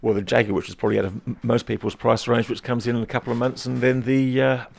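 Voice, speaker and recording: A man hosting a casual podcast chat, halting often with fillers and restarts as he steers the topics. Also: medium pitch, level tone, gravelly, darkish tone. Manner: halting, many fillers, starts lines with "look". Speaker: host.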